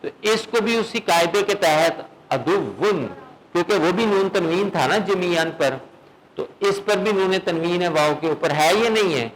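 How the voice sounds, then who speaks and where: A man with a high-sitting voice teaches a recitation class, constantly putting questions to his students and checking with "okay?". He drills the sounds slowly, one at a time, in a low-quality recording.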